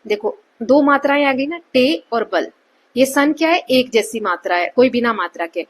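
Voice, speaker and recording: Speaking in a high-pitched, animated voice, a female teacher with an Indian accent walks through a textbook lesson one line at a time. She pauses frequently to make sure her students are following.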